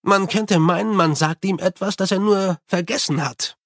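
Senior monk in an audiobook, brisk and explaining, dry close sound , read by the narrator. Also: mid-range voice, fairly bright tone, dry recording, voice pushed up. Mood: grumbling. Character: senior monk, matter-of-fact reporter.

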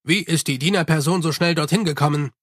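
A man voicing a cold commanding male official in an audiobook, curt and flat with a dry close sound. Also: on the high side, quick pace, slightly rough, dry recording.

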